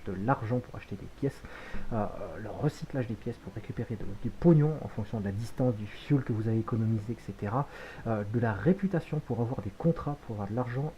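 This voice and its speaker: A man hosting a relaxed game tutorial, chatty, with frequent hesitations and quick self-corrections. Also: medium pitch, a little hiss or hum, poor audio. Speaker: gaming video host.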